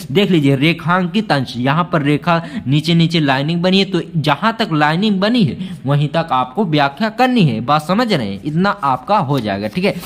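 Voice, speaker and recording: A male teacher walking students through exam questions, calling them friends and saying "theek hai" often, reading verse lines slowly. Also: high-pitched. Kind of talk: exam-prep lesson walkthrough.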